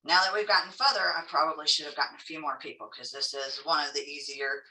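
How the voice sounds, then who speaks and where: A woman teaching a craft class in a casual, chatty, encouraging way, demonstrating step by step, with soft r sounds that lean toward w. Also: low-pitched, fairly even intonation, quick pace. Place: indoor room, teaching an online class. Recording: echoey room, distant microphone.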